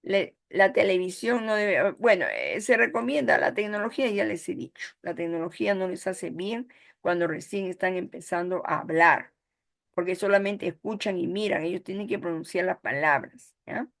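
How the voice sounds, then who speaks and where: A woman with a lowish, creaky, somewhat bright voice teaches an online course at a moderate pace. She speaks with a Peruvian Spanish accent and explains as she goes, often checking in with "¿ya?" and "¿no?".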